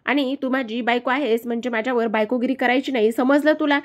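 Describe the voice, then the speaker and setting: A woman's voice: on the high side, steady tone, fast talker, lightly acted. A woman voicing an angry, evasive young husband who snaps dismissively at his wife. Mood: snapping. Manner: snapping and dismissive.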